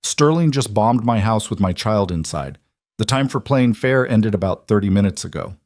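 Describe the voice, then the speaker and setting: A man's voice: fairly low pitch, lively intonation, normal speed, a little mellow, no echo, studio quality. A man voicing a grieving, furious father who talks in firm, clipped declarations. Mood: angry.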